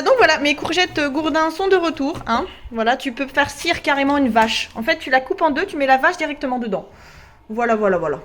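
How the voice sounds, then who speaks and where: High-voiced chatty woman vlogger. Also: fairly bright tone. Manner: chatty, joking, laughs often, self-mocking. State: hot and sweaty. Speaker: vlogger showing a grocery haul. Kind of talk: casual chat to camera. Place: at home, indoors.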